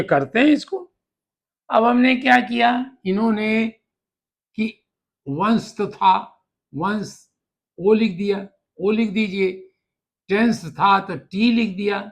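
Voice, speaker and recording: A man teaching decimal subtraction, explaining step by step with patience and spelling out words letter by letter. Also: high-pitched. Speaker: math teacher. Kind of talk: classroom lesson explanation.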